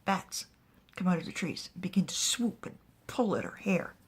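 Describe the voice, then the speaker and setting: A woman telling a fantasy story aloud in an animated way, often dropping to a whisper. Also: fairly low pitch, normal speed. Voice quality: husky and breathy.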